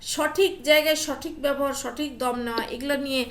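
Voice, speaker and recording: A woman's voice: sits high, steady tone, a little fast, crowd noise. A woman teacher leading an online class, coaxing her students with questions and mixing English phrases into her talk.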